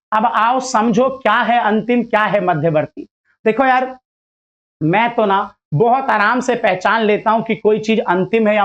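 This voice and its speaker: Man, teacher, high voice, chatty lecture, playful, muffled lo-fi sound. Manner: chatty, playful, acts out little dialogues. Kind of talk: casual classroom lecture.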